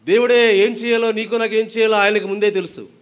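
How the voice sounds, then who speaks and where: A man's voice: sits high, fairly even intonation, fairly quick, long reverb tail. A male preacher giving a sermon, reading scripture, asking the congregation questions and urging them to clap along. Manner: exhorting, asks the congregation questions and leads clapping songs. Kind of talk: sermon with Bible reading and singing. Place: church prayer hall with music playing. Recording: loud music behind the voice. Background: accompanying music.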